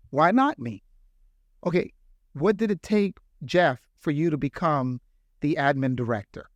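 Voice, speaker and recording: A middle-aged Bahamian man who works as a healthcare executive answers interview questions, telling his stories in an earnest, reflective way. His voice sits a little high, and the recording is studio quality with no room sound.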